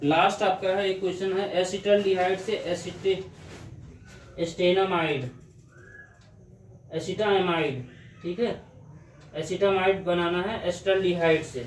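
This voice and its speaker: A man's voice: sits high, flat delivery, normal speed, recorded from a distance. Male teacher, step-by-step lecture, echoey room, faint hum behind. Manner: talking through reactions step by step, asking himself questions. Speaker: chemistry teacher. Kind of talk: classroom lecture on organic chemistry.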